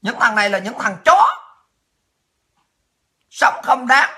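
A woman's voice: fairly high pitch, sing-song, slow, pushed and bright. A woman hosting a political livestream, ranting angrily and taunting her critics with profanity. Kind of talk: angry ranting monologue.

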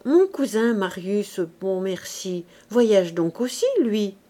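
A woman's voice: medium pitch, animated, slow, warm tone. Woman doing a jaunty young lieutenant. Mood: breezy. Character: breezy young army lieutenant, dashing nephew.

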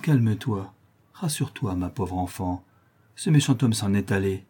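A man's voice: fairly low pitch, lively intonation, normal speed, dark tone, breathy edge. A man voicing a frightened pleading mother. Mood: tender. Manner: pleading, anxious. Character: frightened, desperate poor mother, middle-aged.

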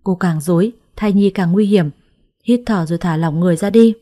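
Woman doing a no-nonsense clinic doctor in a storybook, firm and matter-of-fact, mellow tone. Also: lowish voice, moderate pace, dry recording, clean studio sound, lightly acted. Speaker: doctor figure.

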